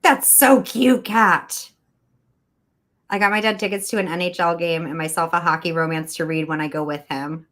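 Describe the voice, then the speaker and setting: A woman in her thirties hosts a relaxed chat from home, talking freely and laughing often. Her voice sits a little low for a woman. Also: normal speed. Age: 30s. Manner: laughs often, chatty and expressive. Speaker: host. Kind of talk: casual chat on a livestream. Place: home room with neon light.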